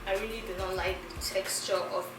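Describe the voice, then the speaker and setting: A young Nigerian fashion vlogger with a Nigerian accent giggles and chats casually through a clothing try-on haul, thinking aloud and restarting. Her medium-pitched voice is steady and fairly quick, recorded from a distance in an echoey room with music behind.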